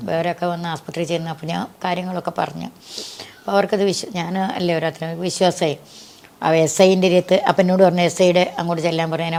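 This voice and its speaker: A woman being interviewed, telling a personal story in an earnest, tender way that sinks soft at the saddest points. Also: on the low side. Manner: earnest and tender, voice sinking soft at sad moments.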